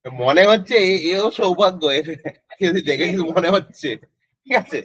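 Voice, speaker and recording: A man's voice: sits high, expressive, normal speed, fairly bright tone, slightly rough, no room sound. A male physics tutor, teaching an online class in a casual way and quizzing students by name. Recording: dry, slightly dull lo-fi audio.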